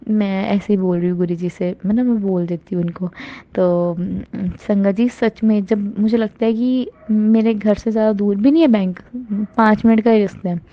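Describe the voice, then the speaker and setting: A woman telling listeners about her devotional experiences in a casual, earnest and grateful way, often rising with excitement. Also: medium pitch, normal speed, muffled recording. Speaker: devotee sharing a testimony. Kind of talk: casual spoken testimony.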